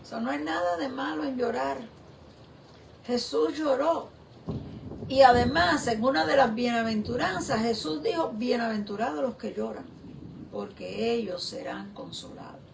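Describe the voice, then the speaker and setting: Slow, gravelly-voiced woman pastor preaching. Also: a little high, noisy background. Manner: slow, reflective preaching with questions to the listener. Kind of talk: sermon.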